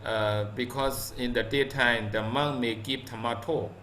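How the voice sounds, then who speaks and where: Slow, halting male monk, bright tone. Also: mid-range voice, fairly even intonation, a little hiss or hum. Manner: halting, many pauses and fillers. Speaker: Buddhist monk. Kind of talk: casual Dhamma discussion.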